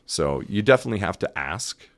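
A middle-aged man from Canada with a very low voice talks as a podcast guest. He is earnest and emphatic and often doubles back on his words. The sound is dry and close, with no room echo. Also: expressive, brisk. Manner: earnest, emphatic, repeats words while thinking. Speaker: guest restaurant owner. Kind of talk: casual podcast interview.

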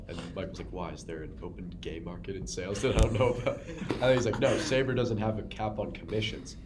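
A man with a fairly low voice, worn out and rough since he has lost it. He chats casually as a podcast co-host, breaking into laughs and retelling scenes. A faint hiss of noise sits under the recording. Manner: laughs often, quotes sitcom lines in put-on voices. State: lost his voice. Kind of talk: casual chat.

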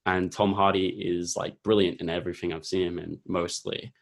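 A man's voice: low-pitched, little pitch movement, moderate pace, creaky. A young man chatting casually about films, rambling with lots of filler words. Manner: rambling, laid-back, heavy use of filler words.

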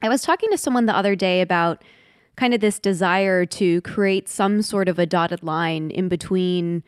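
Smooth-voiced woman, thoughtful and candid. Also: fairly low pitch, no echo, studio quality. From Washington, D.C., United States. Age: 30s. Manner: thoughtful, candid, slows down on heavy points. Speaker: podcast guest. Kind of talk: reflective interview conversation.

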